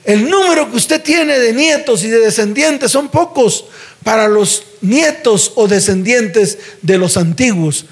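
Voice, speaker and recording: A pastor preaching a sermon in a church, telling a story in slangy everyday speech and then exhorting slowly and forcefully. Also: male voice, extremely high pitch, animated, husky. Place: church sanctuary.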